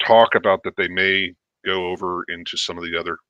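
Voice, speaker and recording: A man talking as a guest on a video call, relaxed and hesitant, with many fillers. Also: low-pitched, fairly quick, lo-fi sound. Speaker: guest turtle keeper. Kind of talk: casual interview answers.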